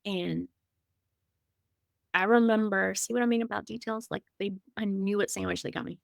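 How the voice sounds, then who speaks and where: A woman's voice: mid-range voice, fairly even intonation, moderate pace, creaky, no echo, clean studio sound. Candid woman telling her grief story. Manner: candid, emotional, many restarts and fillers. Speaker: podcast guest sharing her grief story. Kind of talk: casual conversational storytelling.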